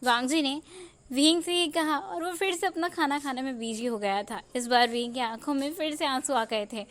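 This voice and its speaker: A woman's voice: sits high, moderate pace, fairly bright tone. A woman narrating a fan fiction story, switching into character voices for dialogue.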